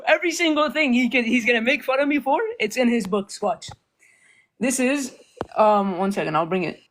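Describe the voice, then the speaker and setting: A man argues in a heated online debate, quoting books to back his points. His voice is bright and forceful, and his tone stays combative and mocking throughout. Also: very high-pitched, moderate pace, slight background noise. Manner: combative, mocking, reads sources aloud.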